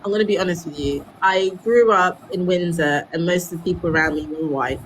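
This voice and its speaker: A woman in her thirties with a British accent, chatting on a live stream from home, emphatic and quick to laugh. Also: on the low side, a little hiss or hum. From England. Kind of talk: casual live chat. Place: home in Cornwall.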